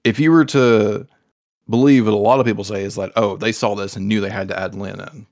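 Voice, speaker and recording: A man co-hosting a casual video game podcast, talking animatedly and jumping into high excited voices when he quotes himself. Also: a little fast. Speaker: podcast co-host. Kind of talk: casual podcast chat about video games.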